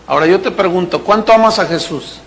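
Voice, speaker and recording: A man preaching a sermon, animated and playful, acting out the people in his stories. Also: high-pitched, fairly quick, a little hiss or hum. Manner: animated, playful preaching, acts out characters and jokes. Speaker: pastor.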